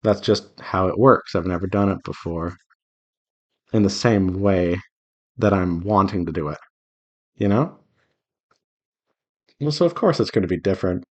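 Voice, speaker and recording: With a low voice and lively intonation, the man talks a little slowly and leaves long pauses. He is a visual novel developer running a draw-along devlog, chatting solo while he draws and musing aloud in a rambling, self-reassuring manner.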